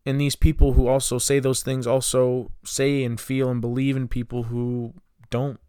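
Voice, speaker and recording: A man's voice: medium pitch, level tone, moderate pace, dark tone, smooth, no echo, studio quality. A man in his twenties hosting a solo podcast, talking with frustration and firing off rhetorical questions. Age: 20s. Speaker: podcast host.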